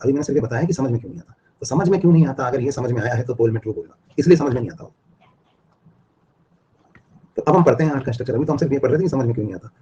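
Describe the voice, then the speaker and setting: A man's voice: mid-range voice, warm tone, dull audio, slight background noise. A man teaching a live online biology class, repeating and drilling his points and asking students questions. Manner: repetitive, drilling explanations, asks students questions.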